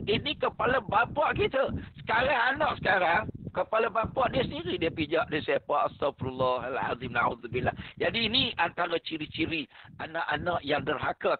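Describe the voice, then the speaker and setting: A man with a Malaysian Malay accent giving an animated religious talk over a video call, often exclaiming religious phrases and acting out the voices in his stories. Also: sits high, narrow, tinny audio, a little hiss or hum. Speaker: religious speaker on a parenting panel. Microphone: online video call.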